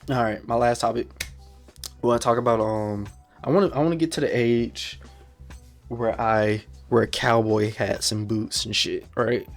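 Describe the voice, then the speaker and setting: A man's voice: medium pitch, fairly even intonation, moderate pace, soft background music. A man in his twenties hosting a solo podcast, talking bluntly in slangy, profane, repetitive casual speech. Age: 20s. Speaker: podcast host.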